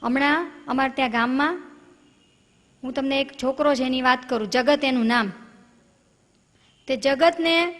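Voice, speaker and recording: A woman's voice: sits high, a bit bright, big-room sound. A woman comedian, telling jokes and stories straight to the audience in a chatty way. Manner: chatty, addresses the audience directly. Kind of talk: comic storytelling.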